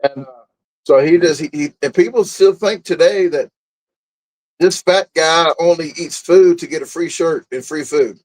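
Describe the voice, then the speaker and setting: A man's voice: a little high, moderate pace, a little mellow, poor audio. A man, a guest telling stories in a casual interview, blunt and boastful, often laughing at himself. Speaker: guest, food and camping content creator.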